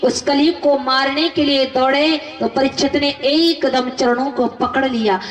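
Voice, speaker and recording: A woman's voice: high voice, steady tone, a little slow. A woman preacher telling scripture stories in a devotional sermon, repeating lists and asking rhetorical questions. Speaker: religious storyteller preacher. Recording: echoey hall from far off with music.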